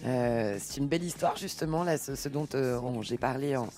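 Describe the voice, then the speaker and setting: A man's voice: medium pitch, moderate pace. A man hosting a radio interview from a studio, speaking in an announcer style with occasional fillers. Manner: announcer-like, fills with euh. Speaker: radio host.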